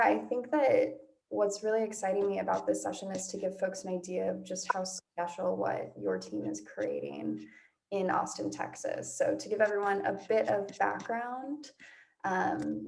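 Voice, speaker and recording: Woman host, creaky voice, medium pitch, casual online session, effusive and gushing. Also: darkish tone.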